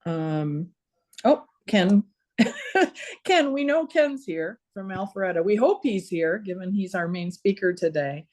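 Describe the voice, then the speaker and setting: A woman's voice: medium pitch, expressive, measured pace, darkish tone. A woman hosting an online town hall over a video call, chatty, with many fillers and restarts. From not from Georgia.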